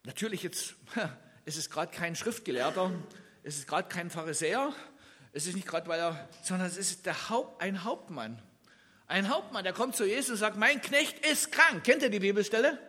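A man from East Germany preaching a lively sermon, acting out Bible scenes and putting questions to his listeners. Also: sits high, normal speed, breathy edge. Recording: long hall reverb.

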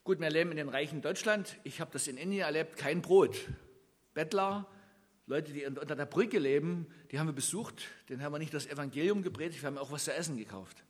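A man from East Germany delivers a lively sermon, acting out Bible scenes and putting questions to his listeners. His voice is a little high and his pace quick, and the recording carries a long hall reverb.

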